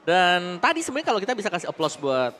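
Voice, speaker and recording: Very fast-talking male esports analyst. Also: sits high, very animated. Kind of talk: analytical esports match commentary. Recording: loud music behind commentary. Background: music.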